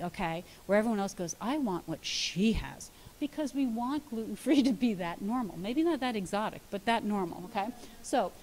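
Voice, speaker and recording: A middle-aged American woman gives a conference talk on diet, mid-pitched and emphatic. She tells stories and acts out the voices in them, over a faint hiss. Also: darkish tone, poor audio. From United States. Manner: storytelling, acts out dialogue, emphatic. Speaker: dietitian giving a conference talk. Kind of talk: lively practical talk to an audience.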